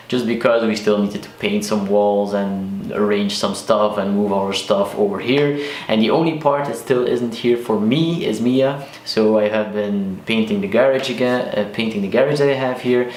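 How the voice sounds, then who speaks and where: Flemish guy in his 20s, kinda low voice, chatty car vlog, lots of "like", bare echoey room. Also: darkish tone. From Belgium, Flanders. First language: Dutch. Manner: chatty, full of likes and restarts. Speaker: car vlogger. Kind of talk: casual vlog talk to camera. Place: sparsely furnished room in a new house.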